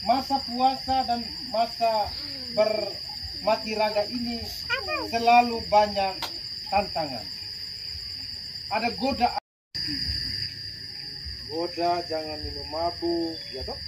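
A middle-aged man with a Papuan Indonesian accent preaching a sermon, lively and quizzing the congregation. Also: high-pitched, slow, long pauses. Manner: lively, asks the congregation questions. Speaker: priest. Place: outdoor open-sided tent at night. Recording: loud insect noise from far off.

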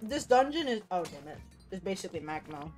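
A woman streaming a co-op game, chatting and teasing her friends with animated outbursts. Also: fairly low pitch, fairly quick, soft background music. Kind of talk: casual gaming chat with friends.

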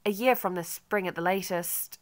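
An eager, insistent young man recovering from illness, read by a woman with a lowish voice. He presses his point in earnest audiobook dialogue. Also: moderate pace, close to an everyday voice. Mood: hurried. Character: earnest young male medical student, ill.

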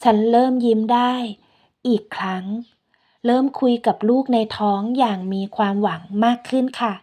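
Gentle woman storyteller, fairly high voice. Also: normal speed. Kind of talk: first-person scripted story narration.

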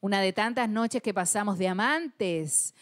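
A woman's voice: medium pitch, a little slow. A Chilean woman co-hosting a comedy podcast, reading a listener's story aloud with lots of slang and laughter.

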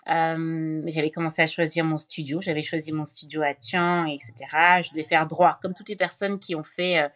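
A woman from Cameroon, a podcast guest, telling her story in a casual interview, pausing often with fillers and restarts. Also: deep voice, little pitch movement, a bit bright. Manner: thoughtful, many hesitations and restarts.

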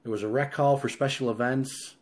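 A man narrating a first-person survival story in a low, steady telling, raising his voice on the shouted lines. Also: a little fast.

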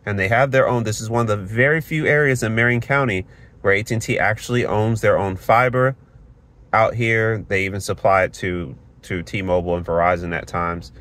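This man from Florida, United States, has a voice on the low side with a fairly bright tone. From a parked car, he films on a handheld phone while casually talking through network speed tests, reading results off the screen in a plain, explanatory way.

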